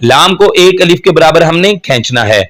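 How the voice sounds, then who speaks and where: A man teaching Quran recitation in Urdu, who patiently explains the rules step by step and then chants the verses slowly and melodically. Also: on the high side, animated, fairly bright tone. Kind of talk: slow step-by-step tajweed lesson.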